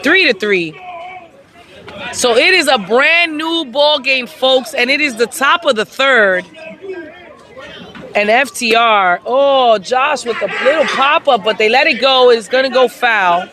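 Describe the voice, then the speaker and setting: Excitable woman calling softball outdoors. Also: a little high, measured pace, some chatter behind. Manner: excitable, hyping the action with shouts. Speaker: play-by-play commentator. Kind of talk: amateur sports commentary.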